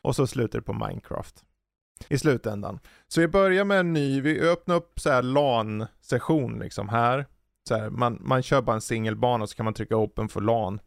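A man co-hosting a podcast, chatting casually and telling lively anecdotes about playing games with his kids. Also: mid-range voice, gravelly, no echo, studio quality. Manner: lively storyteller, acts out anecdotes. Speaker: podcast co-host; parent. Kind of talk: casual chat.

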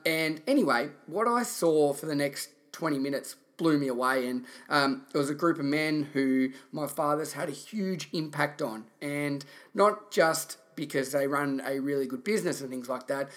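A man's voice: a little high, fairly bright tone. An Australian man in his thirties hosting a podcast, telling a personal story in an informal, earnest, reflective way. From country Victoria, Australia. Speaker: podcast host.

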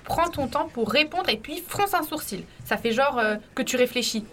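A woman as a bright encouraging inner coach. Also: sits high, lively intonation, normal speed. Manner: reassuring, coaching. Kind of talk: radio fiction.

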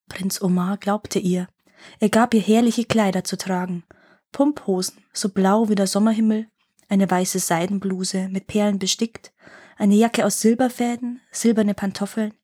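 Woman reading a fairy tale out loud, breathy husky voice, calm and expressive. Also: mid-range voice. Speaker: storyteller. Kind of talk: storybook reading.

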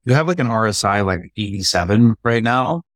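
A man's voice: lowish voice, lively intonation, fairly quick, dry recording. A man who once worked a trading floor, giving his take on stocks in a casual investing discussion, confident and analytical with frequent fillers.

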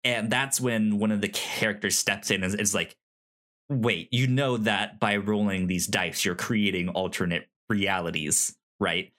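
Talking about TV with casual enthusiasm, this podcast host stammers frequently and repeats sounds. He has a fairly low, slightly bright voice with fairly even intonation and a measured pace.

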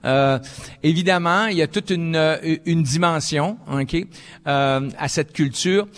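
Older Québécois man, halting panel answer. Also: fairly high pitch. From Quebec. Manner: hesitant, many fillers and "ok"s. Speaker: panelist, former school principal.

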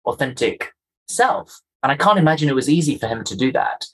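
Speaking a little fast at medium pitch, he sounds very animated, his voice slightly rough and the audio poor. He is a Kenyan man with a faint, polished accent, a guest in an interview who reflects earnestly and emphatically on his experience, echoing key phrases.

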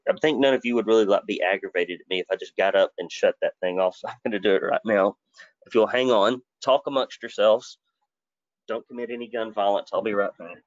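Man in his thirties, low-voiced and folksy, running a webinar over a dull, dry computer mic. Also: brisk, no echo. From Alabama, US. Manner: folksy, joking, conversational. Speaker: webinar presenter. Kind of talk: live webinar presentation.

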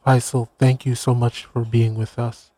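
A man's voice: mid-range voice, little pitch movement, unhurried, dark tone, husky, no room sound. A man hosting a community radio interview show, who often stumbles and affirms his guest with short interjections. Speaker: radio host.

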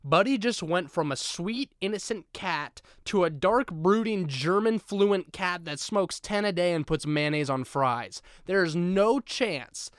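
Comedic male podcast host, smooth clear voice, dry close sound, animated jokey storytelling. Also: high-pitched, measured pace, few pauses, no echo. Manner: animated, jokey, exaggerated asides.

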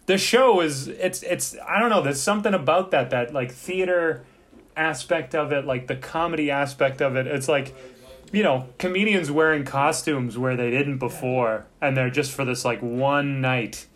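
A man's voice: a little high, moderate pace, fairly bright tone. A man in casual chat who rambles and swears freely while recalling a show.

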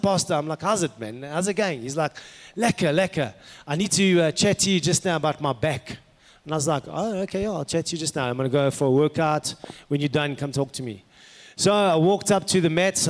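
A man with a South African accent preaching as a pastor, conversational, telling personal stories and putting rhetorical questions to his listeners. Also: on the high side. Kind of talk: sermon with personal anecdotes. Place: large indoor hall, preaching to an audience. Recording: echoey hall with long reverb.

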